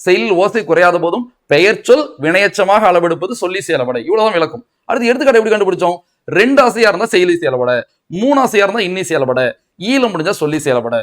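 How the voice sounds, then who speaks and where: Man, Tamil Nadu accent, high-pitched, coaching lecture, rhetorical questions. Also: lively intonation, fast talker. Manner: asks and answers his own questions, mixing in English words. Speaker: Tamil grammar teacher.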